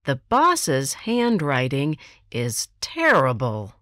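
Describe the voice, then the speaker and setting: A woman with an American accent reading textbook dialogue lines for language learners, enunciating clearly. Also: very deep voice, wildly swooping pitch, slow pace, a bit bright, no echo, studio quality. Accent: General American. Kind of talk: slow scripted textbook reading.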